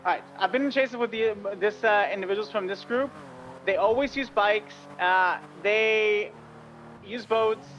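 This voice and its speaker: A man playing a police officer, giving orders and callouts over a walkie talkie radio, halting, with many fillers and restarts. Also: high voice. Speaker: police officer leading a pursuit. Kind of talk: roleplay radio traffic. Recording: muffled lo-fi radio with hiss.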